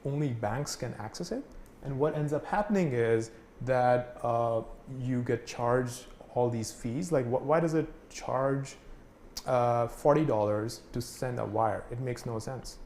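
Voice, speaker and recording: Man from pakistan, casual explainer, mellow voice, echoey room with faint noise, lots of "right?". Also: mid-range voice, unhurried. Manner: casual, many fillers and "right?" checks. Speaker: instructor. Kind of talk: explanatory conversation.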